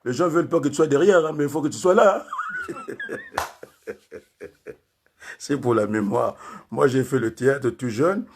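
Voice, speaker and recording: A man's voice: mid-range voice, wildly swooping pitch, unhurried, long pauses, slightly rough. An older man from Congo giving a rambling political talk, often tagging his points with questions to the room. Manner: rambling, frequent tag questions and fillers. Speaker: political commentator.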